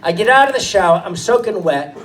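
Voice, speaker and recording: A man doing stand-up, telling animated stories about his kids and acting out their voices. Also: high voice, a little fast. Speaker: stand-up comedian and father. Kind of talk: stand-up storytelling. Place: comedy stage before a live crowd. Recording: distant stage mic, audience laughing.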